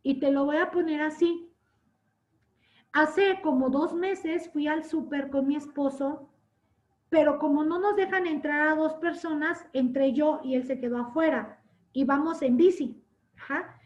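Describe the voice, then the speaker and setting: High-voiced woman teaching a church class. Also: measured pace. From Latin America. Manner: asks "¿sí?" to check understanding; tells stories with lively acted quotes. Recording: dull lo-fi sound.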